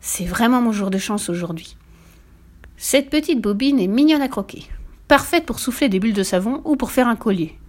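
A woman's voice: on the high side, animated, normal speed, a little mellow. A woman voicing a cheeky, cheerful, fearless little girl in a storybook reading, bubbly and boastful. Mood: joyful.

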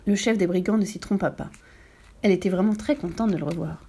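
A woman reading a children's story aloud in a calm, measured way. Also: lowish voice, slightly rough.

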